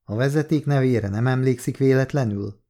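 A man reading the lines of a courteous male police detective who asks gentle, persistent questions, in an audiobook. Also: mid-range voice, close to an everyday voice.

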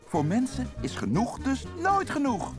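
A pushy, excitable raccoon con artist in an animated film dub. His pitch leaps all over as he sells his pitch. Film score runs clearly behind him. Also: unhurried, music in the background, heavily acted. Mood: scheming. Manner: salesman-like, excitable, persuasive. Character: fast-talking scheming male raccoon hustler. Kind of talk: Dutch cartoon dub.

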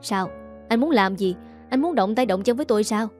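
A woman's voice: mid-range voice, expressive, brisk, a little mellow, soft background music, lightly acted. A woman voicing a defiant younger sister who answers back in a steely voice, in a Southern Vietnamese accent.

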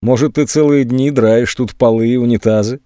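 A cold, controlling, jealous man, as an audiobook reader plays him, speaking evenly and sarcastically. His mid-pitched voice sounds dry and close. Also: normal speed, clean tone, no room sound, close to an everyday voice. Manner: calm, cold, mocking.

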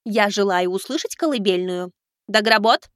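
A man voicing a capricious, grieving little girl who shouts tearfully. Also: high voice, moderate pace, no echo, clean studio sound, pitched above the performer's own voice. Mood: demanding.

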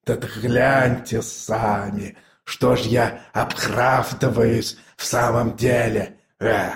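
A man's voice: mid-range voice, little pitch movement, roomy sound. A man putting on a wheezing undead corpse. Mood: offended. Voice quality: hoarse wheezing drawl. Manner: drawn-out, choking speech. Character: wheezing undead male corpse, old, pompous then folksy. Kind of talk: audiobook character voice.

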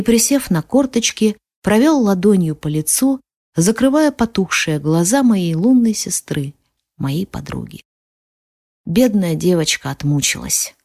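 A woman narrating a first-person audiobook in an expressive, sometimes hushed manner. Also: mid-range voice, dry recording, studio quality.

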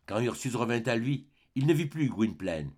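A man reading a classic novel aloud as an audiobook, with expressive, theatrical phrasing. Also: mid-range voice, moderate pace, slightly rough. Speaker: audiobook reader. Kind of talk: dramatic audiobook narration.

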